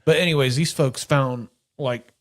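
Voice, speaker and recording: A man's voice: mid-range voice, normal speed. A middle-aged man hosting a casual podcast, rambling and correcting himself, with easy laughs. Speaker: podcast host. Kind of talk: casual chat.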